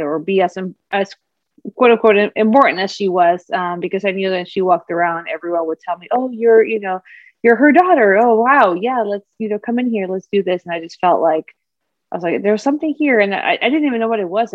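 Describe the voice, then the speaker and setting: Answering an interviewer's questions, a career and executive leadership coach from Peru speaks in a sincere, thoughtful manner. She has a fairly low voice, captured in a dry, dull lo-fi recording.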